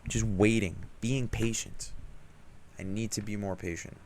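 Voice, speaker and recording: A man's voice: lowish voice, steady tone, measured pace, darkish tone, slight background noise. A young man venting about his week of trading in a candid, self-critical vlog rant, emphatic and frustrated, with casual slang. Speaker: trading vlogger.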